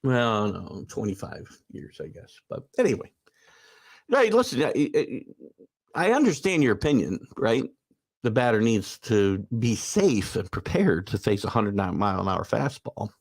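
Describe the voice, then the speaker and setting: A husky man in his sixties, with a lowish voice, vocal fry, and a measured pace, hosts a sports talk livestream. As he answers viewers' comments, he drifts along with many fillers and restarts before climbing into animated, emphatic rants.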